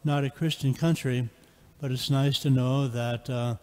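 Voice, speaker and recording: A man's voice: medium pitch, steady tone, measured pace, mellow. A man giving a homily in a plain, easygoing way with many fillers, heard with cathedral echo. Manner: casual, with frequent fillers and restarts. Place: large church. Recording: cathedral echo with long reverb.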